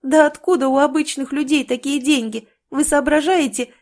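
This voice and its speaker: A woman narrator voicing a distraught young woman patient who shouts accusations near tears, in an audiobook. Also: sits high, fairly even intonation, moderate pace, pitched above the performer's own voice. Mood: angry outburst. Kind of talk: audiobook reading.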